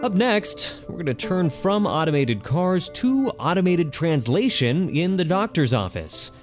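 Speaking a little slowly in a sing-song, higher-than-average voice, this male radio host leads a scripted introduction and interview. His presenter style is conversational and emphatic, and faint music plays in the background.

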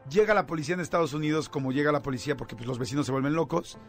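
A man with a Mexican accent hosting a radio show, telling a story in a lively way with lots of fillers. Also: a little high, rapid-fire, soft background music. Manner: animated storytelling with many fillers. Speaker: radio host. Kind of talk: casual radio chat.

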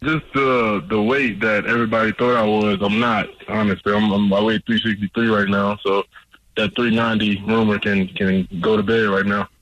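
A young man speaking over the phone as a guest in an interview, giving relaxed, brief answers and often repeating words. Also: on the low side, moderate pace. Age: young adult. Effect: heard over a phone line. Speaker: football draft prospect guest. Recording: noisy phone line from afar.

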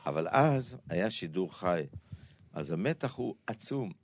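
A man guesting in a radio studio, telling rambling, animated stories about his comedy work. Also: sits low. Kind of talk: talk show conversation.

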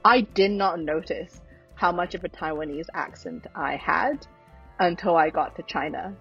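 A woman's voice: fairly low pitch, normal speed, fairly bright tone, slightly rough, muffled recording, soft background music. A woman with an American accent influenced by years in Britain, chatting casually and reflectively in thoughtful, hesitant phrases. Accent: American with British influence. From United States.

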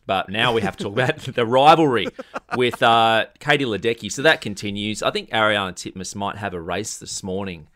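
A man's voice: fairly low pitch, fairly bright tone. An Australian man hosting a podcast in casual, comedic sports chat, with a blokey, tongue-in-cheek, slangy way of talking. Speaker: podcast host.

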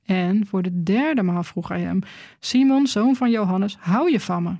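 A woman preacher delivers a sermon in a measured, deliberate voice. She reads scripture aloud and then addresses her listeners directly. Her voice is mid-pitched and the sound is dry and close, with almost no room echo. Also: warm tone.

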